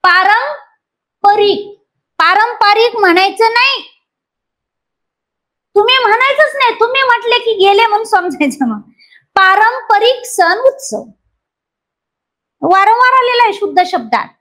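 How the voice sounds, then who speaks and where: A woman from Maharashtra teaches a grammar class for exam aspirants in a very high voice, at a measured pace with long pauses. Lively in manner, she keeps quizzing the students and repeats each key rule until it sticks.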